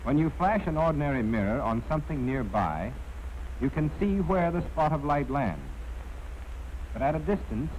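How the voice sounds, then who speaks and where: For a 1940s archival training film, an American man reads scripted instructional narration in a formal, measured style, enunciating every word precisely. His voice sits fairly high and sounds animated yet a little mellow, and the soundtrack is dull and noisy.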